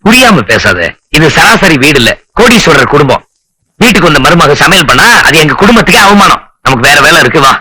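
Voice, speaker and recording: Brief: a proud scheming patriarch, quick, raspy edge, old film sound. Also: male voice, a little high, sing-song, sharp tone, no echo, full character voice, rough recording. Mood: stern. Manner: stern, lecturing. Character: wealthy father-in-law, proud, calmly scheming.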